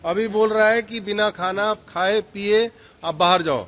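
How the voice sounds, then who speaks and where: A man's voice: high-pitched, measured pace, a bit bright. A man, an air passenger, giving an agitated, run-on account in an on-the-spot news interview.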